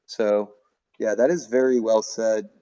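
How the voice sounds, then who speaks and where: A man's voice: fairly low pitch, fairly even intonation, unhurried, dark tone, muffled recording. Casual male livestream host. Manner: casual, reads viewer comments aloud.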